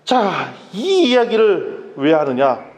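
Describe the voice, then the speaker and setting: A man's voice: sits high, takes it slowly. A man preaching a sermon as pastor, telling stories and acting out quoted dialogue. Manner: lively storytelling, acts out quoted dialogue.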